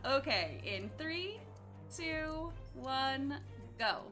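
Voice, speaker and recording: A woman hosting a charity livestream in an upbeat, brisk way. Her voice sits fairly high and sounds crisp and bright. She counts runners off with quick, tidy countdowns. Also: expressive, faint music behind. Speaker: speedathon event host.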